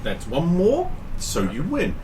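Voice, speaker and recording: A man's voice: fairly high pitch, wildly swooping pitch, slow pace, dark tone, slight background noise. A man running a tabletop game, casually narrating scenes and giving rulings. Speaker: game master. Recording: slightly distant mic with music underneath. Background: music.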